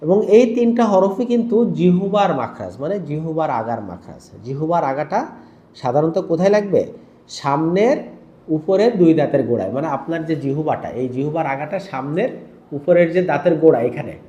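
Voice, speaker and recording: A man's voice: a little high, animated, fairly quick, mellow. A man teaching Quran pronunciation, patiently explaining letters and often checking that viewers follow. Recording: roomy echo.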